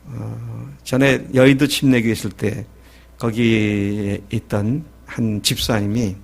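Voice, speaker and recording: A man's voice: on the low side, takes it slowly, creaky. A middle-aged male pastor preaching a sermon, who asks his listeners questions and acts out the quoted lines of the story. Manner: lively preaching, acting out Jesus and the disciples in quoted lines; asks the congregation questions and answers them.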